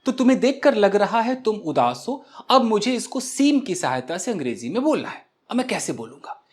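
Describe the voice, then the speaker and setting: A man teaching an English grammar lesson, repeating example sentences and often checking whether students understand. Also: high voice.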